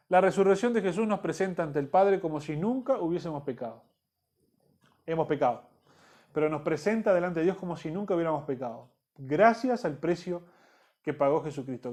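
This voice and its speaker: A man's voice: a little high, a little mellow. A man teaching a church discipleship Bible class in Rioplatense Spanish, repeating key points and checking in with the listeners.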